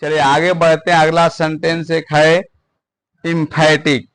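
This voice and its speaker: A man teaching English grammar in a classroom lesson, slowly repeating phrases word by word. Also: fairly high pitch, monotone, fairly bright tone, clear, resonant tone. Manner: slow, repeats words one at a time for stress.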